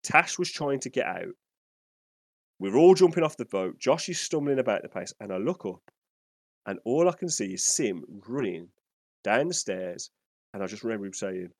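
Dry, low-voiced man telling stories. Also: normal speed, dry recording. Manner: animated storyteller, rambling and enthusiastic. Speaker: podcast co-host. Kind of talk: casual storytelling chat.

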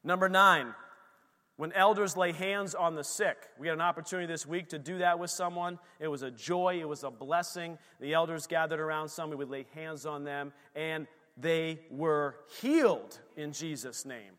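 A male pastor preaching a sermon, moving between quiet, close storytelling and loud, fervent exhortation. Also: fairly high pitch, normal speed, long reverb tail.

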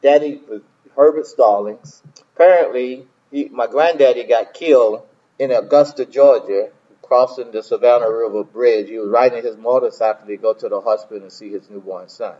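A minister and host from South Carolina talks casually to listeners, rambling with repeated words and plenty of fillers. His voice is mid-range and a little mellow, and the audio sounds dull.

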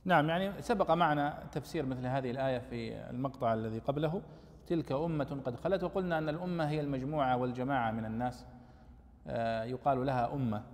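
A man's voice: mid-range voice, fast talker, long reverb tail. A man teaching a lesson on Quran commentary, explaining the text and raising his voice with emphasis on quoted verses.

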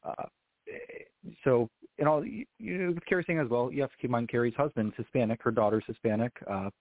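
A man's voice: mid-range voice, no room sound. A man being interviewed as a political consultant, talking earnestly and often correcting himself mid-sentence. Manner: fast, earnest, self-correcting. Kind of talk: interview answer. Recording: dry, tinny phone-line sound.

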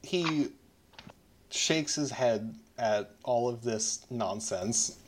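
A man's voice: mid-range voice, very slow. A man narrating a tabletop roleplaying game as game master.

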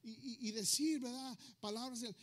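A man's voice: very high voice, fairly even intonation, moderate pace. A male pastor preaching a sermon to his congregation, switching between two languages and asking the listeners questions. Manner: switches between Spanish and English, asks the crowd questions.

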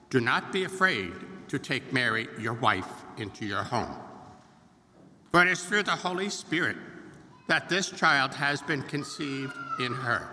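Male gospel reader, measured and formal, bright tone, long cathedral echo. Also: medium pitch. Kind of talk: solemn liturgical reading. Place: large church. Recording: long church reverb, faint hiss.

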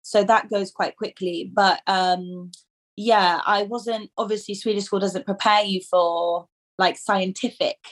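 A woman's voice: mid-range voice, fairly even intonation, a little slow. Chatty young woman full of fillers. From England. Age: 20s. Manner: chatty, filler-heavy, self-deprecating and laughing often. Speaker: dental student guest. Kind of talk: casual conversational interview.

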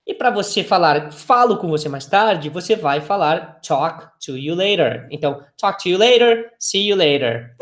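A man with a Brazilian Portuguese accent, teaching English and saying phrases slowly and clearly so learners can repeat them. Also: high voice. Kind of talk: language lesson with repeat-after-me drills. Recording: echoey room.

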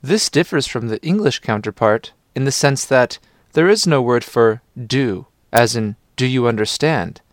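A man narrates a scripted language lesson in a patient, steady way, prompting the listener to listen and repeat. His voice sits in a middle pitch. The sound is dry and close. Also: measured pace, hardly any pauses, no echo.

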